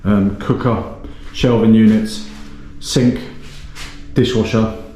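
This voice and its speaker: A renovation channel host gives a casual walkthrough of a gutted small cottage, with plenty of ums and self-corrections. His voice is fairly low and dark, with fairly even intonation and a slow pace, echoing off the bare rooms.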